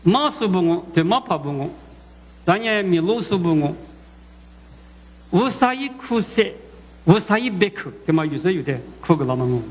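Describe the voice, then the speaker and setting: A man delivers a sermon in a high voice, halting and repeating himself as he puts questions to the listeners. The sound is muffled and dull, with a long echo from a large hall. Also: animated. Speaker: preacher.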